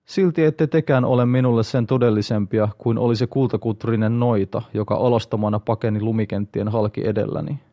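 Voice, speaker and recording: A man's voice: fairly even intonation, hardly any pauses, mellow, close to an everyday voice. A man voicing a dazed, wounded barbarian hero in an audiobook reading. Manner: dazed, low and breathy.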